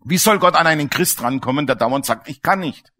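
A man delivering a sermon, his voice sitting a little high for a man. He tells stories in plain everyday speech and keeps asking his listeners questions. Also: lively intonation, fairly quick, pushed and bright. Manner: colloquial, storytelling, asks the listeners questions. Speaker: preacher.

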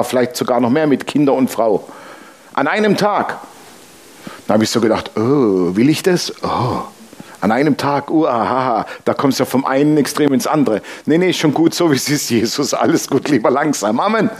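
A man's voice: medium pitch, a little mellow. A male pastor preaching a sermon, telling personal anecdotes and pressing the congregation with emphatic rhetorical questions. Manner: conversational storytelling, exclaims Amen.

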